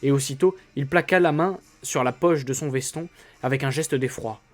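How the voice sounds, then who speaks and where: A man reading a classic novel aloud in a measured way, with small slips and restarts. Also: mid-range voice, soft background music. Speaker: storyteller.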